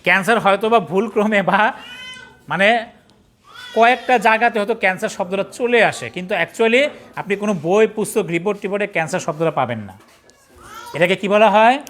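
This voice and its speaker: A man's voice: sits high, fairly bright tone. A man with a Bangladeshi accent teaching a pathology class, quizzing students, spelling out terms letter by letter and teasing latecomers. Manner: scolding latecomers and joking in colloquial speech. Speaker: pathology trainer. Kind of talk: classroom lecture.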